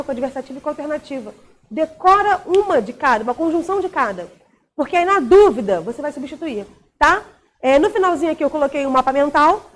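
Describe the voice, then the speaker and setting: Woman teacher, Brazilian Portuguese accent, high voice, animated pitch, explains with examples and tag questions. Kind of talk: recorded grammar lesson.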